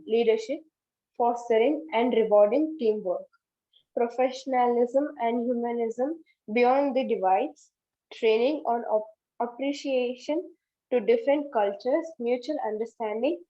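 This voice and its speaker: A woman's voice: a little high, mellow. A woman student reading lesson points aloud in class. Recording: dull lo-fi recording.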